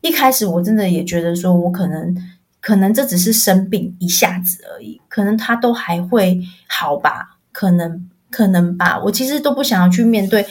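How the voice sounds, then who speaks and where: A woman telling a personal story on a podcast over an online call, halting, repeating words as she searches for them. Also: mid-range voice, darkish tone. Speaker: podcast co-host.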